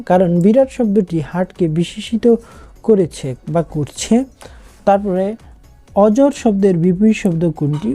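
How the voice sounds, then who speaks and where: Mellow-voiced woman tutoring exam questions. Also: medium pitch. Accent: Bangladeshi Bengali. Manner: reads questions then gives answers, with some restarts. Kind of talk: exam prep lesson, question and answer.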